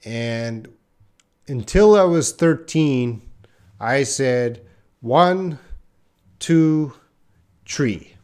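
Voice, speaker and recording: A man in his thirties from Western Canada, speaking with a light Canadian accent, teaches a live English lesson from a small indoor room beside a whiteboard. His medium-pitched voice is smooth, darkish and animated as he slowly and patiently answers viewers' questions, pausing often.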